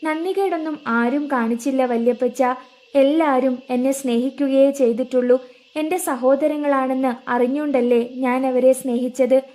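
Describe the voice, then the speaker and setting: ദുഃഖിതയായ ഒരു യുവതിയായി കഥ വായിക്കുന്ന ഒരു സ്ത്രീ. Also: female voice, high-pitched, fairly even intonation, normal speed, dark tone, close to an everyday voice. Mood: sorrowful. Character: sorrowful young woman, gentle and selfless.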